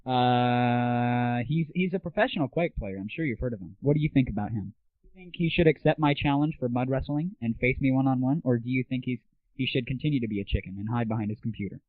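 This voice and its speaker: Speaking fast in a medium pitch, this young male host runs a casual gaming audio program, chatting and asking interview questions. There's no room sound. The audio has that thin, telephone-style, band-limited quality of 1990s internet recordings.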